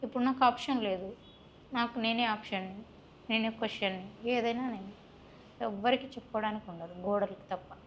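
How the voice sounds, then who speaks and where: A woman's voice: on the high side, a little fast, a little hiss or hum. A young woman, recounting her personal story in a plaintive, heartfelt way as an interview guest. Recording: muffled recording.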